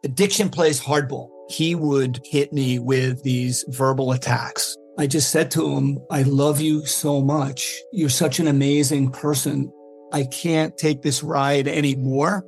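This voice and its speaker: A man's voice: medium pitch, steady tone, takes it slowly, a little mellow, faint music behind. A man giving an earnest personal testimonial in an ad.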